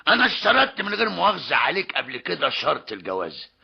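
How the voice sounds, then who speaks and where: A mocking, stubborn older tradesman and father in an old radio comedy drama, with an Egyptian Arabic accent. His gravelly, husky voice swoops up and down theatrically. It comes through a dull, lo-fi old radio recording. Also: fairly high pitch, wildly swooping pitch, fast, heavily acted. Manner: mocking, theatrical, keeps repeating a polite tag.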